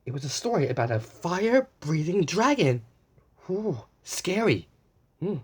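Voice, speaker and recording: Reading a picture book aloud to small children, this person speaks at a medium pitch with big swings, taking their time in a slightly rough voice. They stumble and repeat words now and then, sound exaggeratedly amazed, and ask the young viewers questions.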